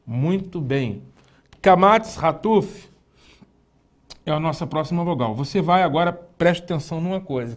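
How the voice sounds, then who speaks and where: A man, teaching an online lesson and speaking directly to the student, slowly spelling out and repeating words. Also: on the high side, a little mellow. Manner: didactic, addresses the student directly, slow careful spelling-out of words. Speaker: Hebrew teacher.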